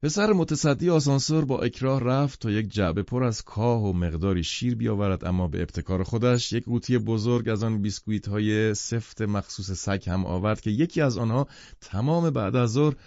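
A man narrating a novel as an audiobook, in a measured, expressive reading. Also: lowish voice, no echo, highs cut off. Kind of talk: scripted literary narration.

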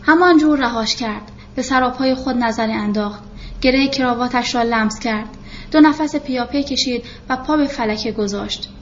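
A woman calmly reading a novel aloud as the narrator of an audiobook. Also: fairly high pitch, highs cut off, a little hiss or hum.

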